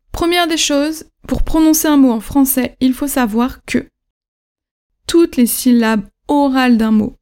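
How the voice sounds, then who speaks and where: A woman hosting a podcast language lesson, explaining pronunciation clearly and slowing down to spell out examples. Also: on the high side. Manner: lively, clear teaching with slow, spelled-out examples. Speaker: French teacher and podcast host.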